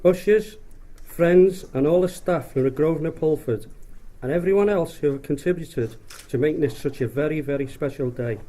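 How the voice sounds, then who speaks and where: A man's voice: on the high side, normal speed, few pauses, warm tone. A middle-aged man giving a rambling, jokey wedding speech as father of the bride, often repeating and restarting his phrases.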